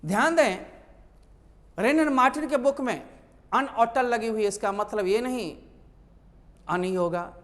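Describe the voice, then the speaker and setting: A man's voice: very high voice, measured pace, pauses often, fairly bright tone, long reverb tail. A male teacher, explaining English grammar in a lecture. He asks his own questions and answers them.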